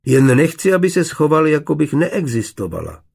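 A man's voice: fairly high pitch, big pitch swings, gravelly, a little mellow, husky, voice pushed up, exaggerated voice. A man voicing a forward young woman who speaks eagerly and pleadingly, in a storybook reading.

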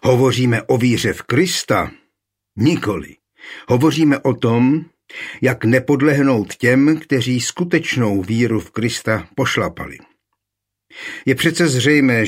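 A man's voice: fairly low pitch, lively intonation. Guy reading a stern one-eyed warlord, pushy and heated. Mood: forceful. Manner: forceful, agitated.

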